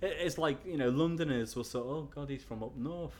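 A middle-aged man from North Wales with a Scouse accent speaks a little fast in a mid-range voice. In a casual interview he rambles, using lots of fillers and restarts.

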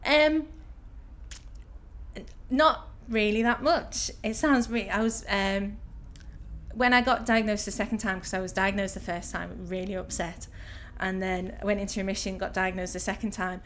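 A woman's voice: medium pitch, steady tone, moderate pace, a bit bright, slight background noise. A woman in her thirties with a Liverpool accent, answering interview questions casually and hesitantly, with many filler ums. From Liverpool, England.

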